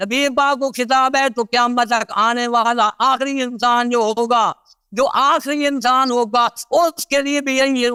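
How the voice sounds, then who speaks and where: A man's voice: very high voice, bright, forceful tone, clear, resonant tone, no echo, clean studio sound. A man debating religion over a video call, insistent and often interrupting.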